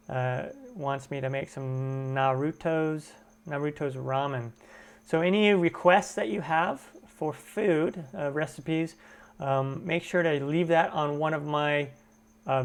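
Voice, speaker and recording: This cooking-channel host's voice is fairly high, clear, and resonant as he streams a relaxed Q&A from home. He welcomes viewers and answers their chat messages, recorded through a computer webcam mic.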